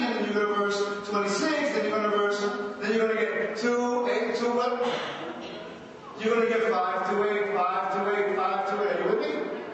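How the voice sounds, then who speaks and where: A man's voice: high voice, fairly bright tone, muffled recording, slight background noise. A man teaching Torah in a loose, conversational way, repeating himself and often asking if his listeners are with him. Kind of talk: informal teaching talk. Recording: echoey hall, mic from far off.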